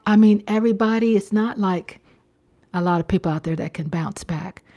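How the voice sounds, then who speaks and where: With a warm, mid-range voice at normal speed, a woman in her fifties chats to viewers on her livestream in a conversational way, repeating phrases and checking in with "you know."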